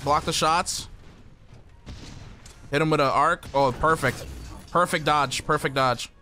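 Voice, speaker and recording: A young man with a slightly high, very bright and forceful voice gives live gameplay commentary from his home setup. He is excitable and swears casually, chatting to his viewers and teammates as he plays. A faint hiss sits underneath. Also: takes it slowly. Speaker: gaming streamer.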